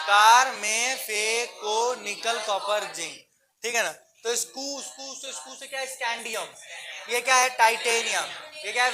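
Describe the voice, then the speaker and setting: A chemistry teacher in a classroom, drilling students with chanted mnemonics and repeated questions, chatty and teasing. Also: medium pitch. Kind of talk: classroom lecture. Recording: classroom with students talking in the background.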